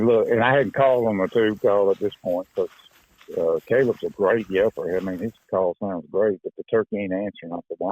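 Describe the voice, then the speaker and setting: Low-voiced guy spinning a hunt story, thin phone-like sound, dead dry. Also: dry recording. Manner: folksy storyteller. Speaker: hunting show host. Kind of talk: storytelling voice-over.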